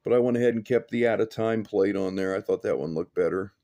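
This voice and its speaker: Man, lowish voice, easygoing hobbyist walking through his models off camera; loose, rambling delivery with "uh"s and soft chuckles. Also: fast, gravelly. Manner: relaxed and rambling, with fillers and small chuckles. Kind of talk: casual show-and-tell chat. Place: indoor hobby room, filming his own builds.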